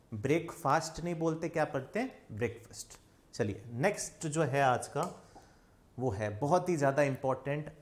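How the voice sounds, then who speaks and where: A man's voice: on the high side, darkish tone. Indian man teaching spoken English. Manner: quizzing the viewer with repeated questions. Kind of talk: online spoken English lesson.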